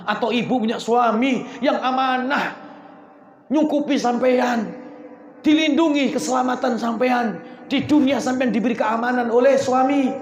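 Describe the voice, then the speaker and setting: A hoarse male preacher, telling a story in a sermon and addressing the women in the audience directly. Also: very high-pitched, measured pace. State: hoarse, voice nearly gone. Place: hall at a women's religious gathering. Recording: echoey hall with light ambience.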